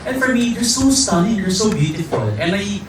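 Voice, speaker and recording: A man with a raised pitch talks earnestly, filling his sentences with "actually" and "you know". He is heard from far off the mic, and the hall rings with strong echo. A crowd murmurs behind him. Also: animated, a little fast. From Philippines. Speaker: pageant franchise holder. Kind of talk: press conference answer. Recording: echoey hall, distant mic, crowd noise.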